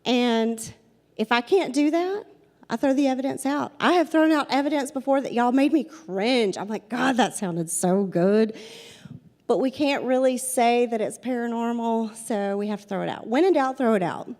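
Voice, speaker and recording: A woman's voice: a little high, normal speed, a little mellow. A woman in her forties with a Southern US accent, a paranormal investigator giving a storytelling talk who speaks straight to her audience and repeats her points for emphasis. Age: 40s. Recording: long hall reverb.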